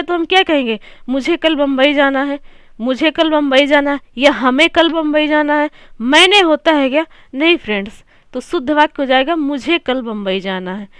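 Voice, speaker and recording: A woman's voice: high-pitched, fairly bright tone, no room sound, clean studio sound. A woman teaching an exam-prep grammar lesson, often repeating phrases, asking rhetorical questions and calling her viewers friends.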